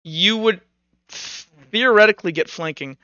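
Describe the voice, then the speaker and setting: A man acting as game master for a tabletop roleplaying game narrates and explains the rules informally, thinking aloud as he goes. His voice is high-pitched, smooth, and moderately paced; the sound is lo-fi with no room echo.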